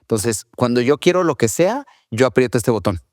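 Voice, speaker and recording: Man, casual podcast chat, mid-pitched voice, dry close sound. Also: moderate pace, no room sound. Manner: animated, acts out children's whiny voices. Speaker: podcast co-host, father. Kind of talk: casual faith-based parenting chat.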